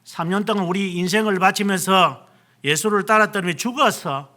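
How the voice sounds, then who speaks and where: A man's voice: high voice, moderate pace, pushed and bright. A male pastor preaching a sermon, retelling scripture dramatically and acting out quoted lines. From South Korea.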